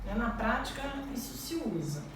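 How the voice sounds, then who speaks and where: In an echoey classroom recorded from a distant mic, a Brazilian Portuguese teacher quizzes her students on grammar with rising questions. Her voice is a little high and sing-song, her pace moderate, and the background is noisy.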